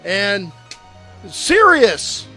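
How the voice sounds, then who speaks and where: Guy hosting a live stream show, chatty and jokey, slow easy talk. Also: high-pitched, wildly swooping pitch, bright, forceful tone, soft background music. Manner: jokey, rambling, breaks into laughs and impressions. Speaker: host. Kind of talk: casual chat on a live internet show.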